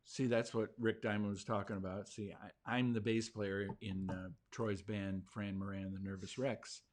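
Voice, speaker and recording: A man's voice: lowish voice, little pitch movement, normal speed. A man hosting a talk show, rambling with frequent hesitant fillers. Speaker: radio show host. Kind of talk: casual talk show chat.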